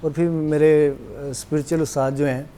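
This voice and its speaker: A man who sings ghazals, talking calmly and modestly as a studio guest in a soft, low-toned voice. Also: a little hiss or hum. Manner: calm, unhurried, modest explanations. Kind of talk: casual interview chat. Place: television studio.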